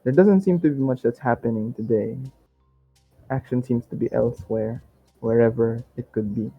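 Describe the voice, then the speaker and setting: A man's voice: medium pitch, moderate pace, vocal fry, breathy edge, soft background music. A man running a tabletop game as game master, laid-back, laughing often and fumbling through his notes. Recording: dull lo-fi sound with faint noise.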